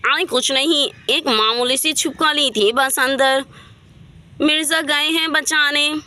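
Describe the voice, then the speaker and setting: A mocking, sharp-tongued young village woman, as a woman storyteller puts her on in a doll bedtime story. Her voice is high and bright. She fires off quick, scornful retorts. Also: fairly even intonation, full character voice. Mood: dismissive.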